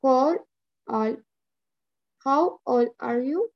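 Young woman, slow halting learner, muffled lo-fi audio. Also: sits high, expressive, vocal fry. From Colombia. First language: Spanish. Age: 20s. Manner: hesitant, slow, halting answers with many fillers. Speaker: student. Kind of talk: English lesson practice.

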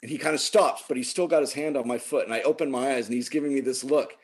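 A man casually telling a funny personal story, animated and laughing often. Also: medium pitch, fast talker, husky. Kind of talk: casual chat.

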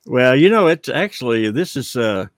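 A man hosting an unscripted live panel show in a halting way, repeating words for emphasis. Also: medium pitch, very animated, no echo, clean studio sound. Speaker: host.

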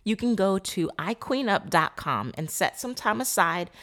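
A woman's voice: mid-range voice, animated, moderate pace, fairly bright tone. A woman hosts a motivational podcast. She talks emphatically, repeats words for stress and calls her listeners queen. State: stuffy nose. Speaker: podcast host. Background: painters working nearby.

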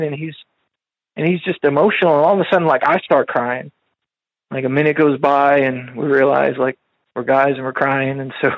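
A man's voice: mid-range voice, dry recording, dull audio. A man telling his personal faith testimony in a casual, rambling way, with many fillers and restarts. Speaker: speaker sharing a faith testimony.

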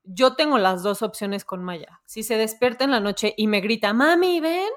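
A woman co-hosting a podcast, explaining parenting experiences in relaxed, thoughtful conversation. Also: mid-range voice, moderate pace. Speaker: podcast co-host. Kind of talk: casual chat.

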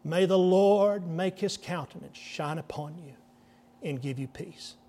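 A man's voice: sits high, measured pace, a little hiss or hum. A man, a pastor telling a personal story in a sermon and voicing the people in it. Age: 50s. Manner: animated storyteller, voices the people in his story.

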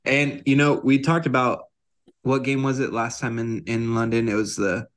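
A man's voice: medium pitch, level tone, normal speed. A man co-hosting a casual sports podcast, easygoing and agreeable, with frequent ums. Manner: easygoing, agreeable, hesitant fillers. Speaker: podcast co-host.

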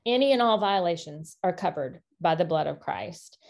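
A woman's voice: lowish voice, lively intonation, darkish tone. Earnest woman co-hosting a parenting chat. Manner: earnest, encouraging, quick asides and restarts. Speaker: podcast co-host. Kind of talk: casual faith-based parenting chat.

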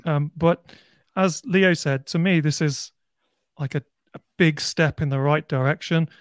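A man's voice: fairly high pitch, a little slow, no room sound, clean studio sound. A man from Birmingham with a light Birmingham accent, talking casually on a panel discussion and thinking aloud. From Birmingham, England. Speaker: podcast panelist.

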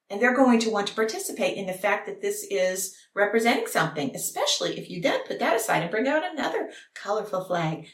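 A woman's voice: mid-range voice, a bit bright. A woman vlogger delivering an opinionated monologue to camera, emphatic and full of rhetorical questions. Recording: roomy echo.

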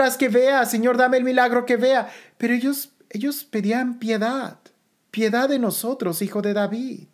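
A woman preaching a sermon, slow and emphatic, repeating key phrases for weight. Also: medium pitch.

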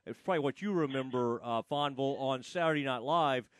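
A man hosting a casual sports radio chat, talking in a rambling, halting way with frequent false starts. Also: medium pitch, fairly bright tone, no echo.

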